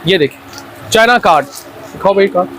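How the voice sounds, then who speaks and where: A man with a Pakistani accent making an unscripted hard-sell pitch as a wholesale seller, insistently repeating his lines. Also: animated, normal speed, fairly bright tone, slight background noise. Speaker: wholesale toy seller presenting stock.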